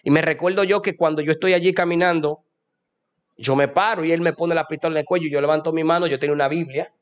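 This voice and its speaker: A man's voice: fairly high pitch, fairly even intonation, fast. A young man telling a fervent religious testimony in a preachy way. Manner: preachy, fervent, addresses listener as "amado". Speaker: guest giving a testimony.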